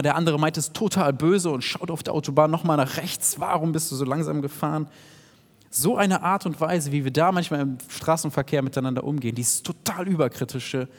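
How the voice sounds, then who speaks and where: A man preaching a sermon in an earnest, direct way, sometimes dropping to soft asides. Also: on the high side. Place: church hall. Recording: long hall reverb.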